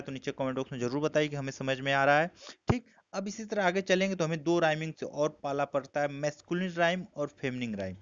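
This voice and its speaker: A man with an Indian accent teaching an exam-prep lesson, explaining step by step and reading quoted lines slowly. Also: on the high side, clean tone, no room sound, muffled recording.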